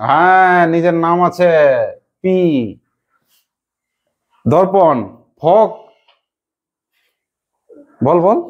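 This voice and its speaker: A man's voice: high voice, drawn-out words, pauses often, muffled recording. A male teacher runs a classroom lesson, calling pupils by name and praising each answer. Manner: encouraging, quizzing pupils by name.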